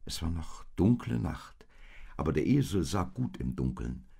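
A man narrating a storybook in an expressive, dramatic reading. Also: low-pitched, normal speed, vocal fry, husky.

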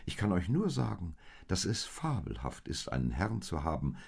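A man's voice: low-pitched, huge pitch swings, normal speed, vocal fry, breathy edge, exaggerated voice. A man reading a story aloud, voicing a loyal, kind little male donkey in an earnest, eager way.

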